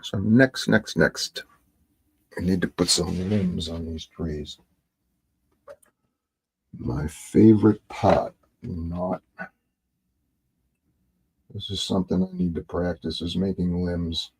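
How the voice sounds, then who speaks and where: A man teaching painting on a livestream in a gentle, husky, gravelly voice, murmuring short instructional phrases as he works. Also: deep voice, steady tone, unhurried, low-quality recording. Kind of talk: painting tutorial livestream, talking while working.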